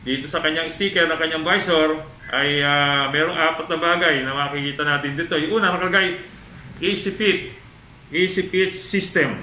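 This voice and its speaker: Guy talking thru a cloth mask, really bright voice, kinda high, lots of ah pauses, echoey room. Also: fairly even intonation, slight background noise. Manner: halting, many filler pauses. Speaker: vlogger. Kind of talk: casual helmet review vlog. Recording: echoey room with faint ambience.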